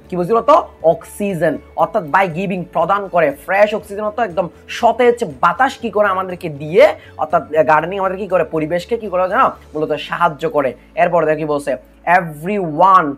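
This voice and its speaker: A woman's voice: fairly low pitch, slightly rough. A woman teaching an English lesson, going through a paragraph word by word and quizzing her listeners with questions before repeating the answers.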